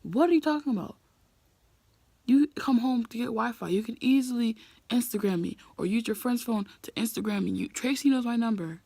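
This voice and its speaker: A woman's voice: fairly high pitch, brisk, creaky, dark tone, dry recording. An eighteen-year-old woman telling a storytime vlog, ranting in an exasperated way. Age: young adult, 18. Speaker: vlogger.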